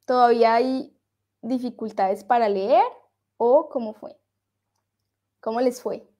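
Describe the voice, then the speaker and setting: A woman with a fairly high voice leads a French lesson, explaining in Spanish and switching back to French. She talks at an unhurried pace. She says tricky words over and over, so her students can hear each sound. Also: fairly even intonation, warm tone. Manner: slow, repeats words to drill pronunciation. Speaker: French teacher. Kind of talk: online language lesson.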